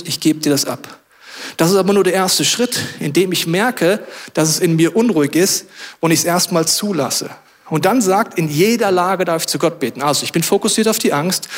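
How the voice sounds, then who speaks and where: A man preaching a sermon in an earnest way, acting out his own anxious thoughts and prayers. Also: a little high. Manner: earnest, acts out inner prayers and worries. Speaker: pastor. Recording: long hall reverb.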